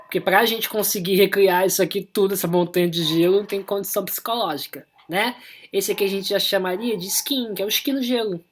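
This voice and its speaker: A woman with a Brazilian Portuguese accent, explaining an online English lesson in a chatty way and tagging her sentences with quick checks to the class. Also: mid-range voice. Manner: chatty, explanatory, constant "né?" and "tá?" tags. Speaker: English teacher.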